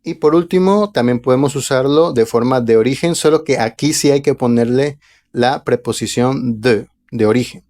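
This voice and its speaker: Man, language teacher, online lesson, slow careful example phrases, patient explaining. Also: medium pitch, darkish tone. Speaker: French teacher.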